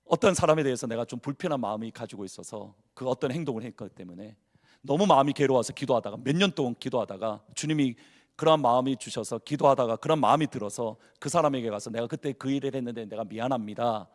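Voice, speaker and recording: A man's voice: mid-range voice, expressive, fast talker. A male pastor preaching a sermon in a church, asking the congregation questions and acting out people's inner worries. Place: church sanctuary.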